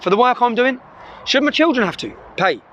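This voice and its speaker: A man's voice: extremely high pitch, big pitch swings, a little fast, fairly bright tone, lo-fi sound, a little hiss or hum. A middle-aged man, speaking urgently and emphatically to the camera from inside a car, tagging his sentences with "yeah?". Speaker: vlogger. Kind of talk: impassioned address to camera. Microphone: camera filming in the car.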